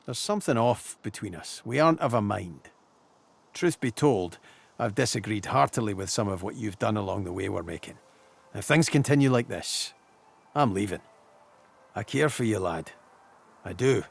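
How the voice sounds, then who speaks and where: An actor playing a gruff, salty old dwarf sailor in a video game, frank and plain-spoken with a soft heart. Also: male voice, lowish voice, lively intonation, moderate pace, long pauses, exaggerated voice. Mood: frank, earnest.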